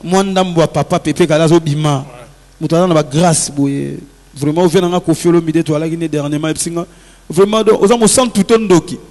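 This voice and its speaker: High-voiced man talking in a reverberant hall. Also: a little fast, darkish tone. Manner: earnest, advice-giving, reflective. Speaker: musician guest. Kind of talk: casual interview talk mixing Lingala and French. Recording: long hall reverb with faint music.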